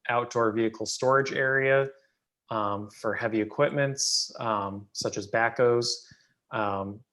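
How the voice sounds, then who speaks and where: A man's voice: lowish voice, a bit bright. A man speaking as a planning staffer, presenting applications at a public meeting in a matter-of-fact, procedural way. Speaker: city planning staff member.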